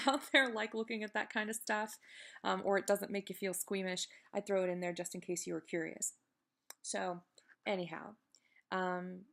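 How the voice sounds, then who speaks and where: A woman's voice: lowish voice, creaky, a bit bright. A woman giving a casual, chatty video update while recovering the day after surgery, candid and self-deprecating, wandering into digressions. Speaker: video blogger giving a personal health update.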